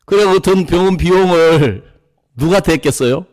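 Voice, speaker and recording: A man's voice: fairly high pitch, moderate pace, a little mellow. A middle-aged man, a pastor telling a story from his own life in a sermon, acting out the people in it.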